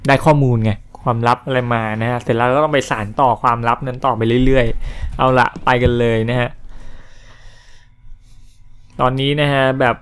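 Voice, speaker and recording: A man's voice: mid-range voice, steady tone, fairly quick, clean tone. A man casually narrating his gameplay, chatty and loose, dropping coarse slang and mild swears. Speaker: gameplay commentator. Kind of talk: casual let's-play commentary.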